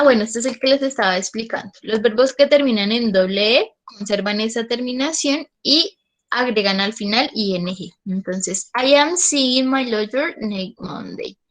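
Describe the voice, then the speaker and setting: Teacher, woman, slightly high voice, patient step-by-step explainer who checks in often. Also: poor audio. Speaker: English teacher. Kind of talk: online class explanation.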